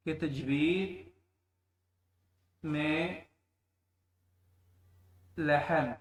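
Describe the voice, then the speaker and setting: Male Quran tajweed teacher, slightly high voice, explains then chants slowly, mic set back. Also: a bit bright, distant mic, poor audio. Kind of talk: tajweed lesson with demonstrations.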